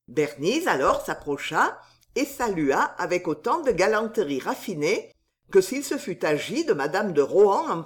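Woman narrator for a storybook, slow and expressive. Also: on the low side.

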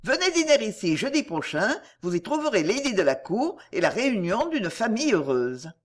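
A woman's voice: mid-range voice, very animated. A woman reading as a gracious elderly aunt. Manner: courteous, measured.

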